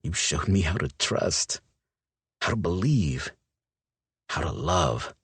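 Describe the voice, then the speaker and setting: A man voicing a gruff, protective werewolf man in an audiobook, talking low, tight and intense. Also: expressive, slow, no room sound, full character voice. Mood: tender. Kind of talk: audiobook character voice.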